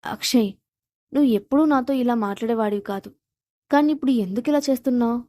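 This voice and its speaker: A scheming young rival from an audio storybook, read by a woman narrator. She pleads and whines to get her way. Her fairly high voice is recorded dry and close. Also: quick pace, mellow, dry recording, lightly acted. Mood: tearful pleading. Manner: pleading, whiny.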